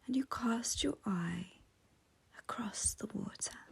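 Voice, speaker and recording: A woman's slightly high, soft voice leads a guided meditation, breathy and whispery, gentle and soothing, with long pauses throughout.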